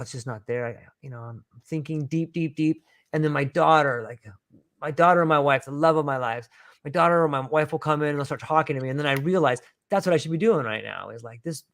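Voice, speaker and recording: A man hosts a casual podcast conversation in a somewhat higher voice than most men. He muses and circles back on his thoughts, talking in a rambling, reflective way. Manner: meandering, reflective talker. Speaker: podcast host; father.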